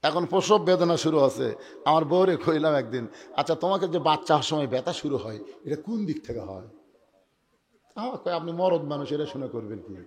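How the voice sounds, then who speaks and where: A man from Bangladesh with a Bogra Bengali accent preaching a waz sermon in a high voice. He drops to soft, intimate storytelling, then rises into fervent shouted passages and chanted verses. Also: lively intonation, brisk. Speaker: Islamic preacher.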